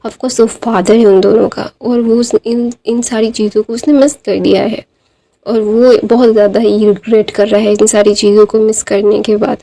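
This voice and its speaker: A woman's voice: fairly high pitch, flat delivery, normal speed, warm tone. A woman casually retelling a fan-fiction story, chatty and full of fillers. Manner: chatty, many fillers like "to wahan pe na".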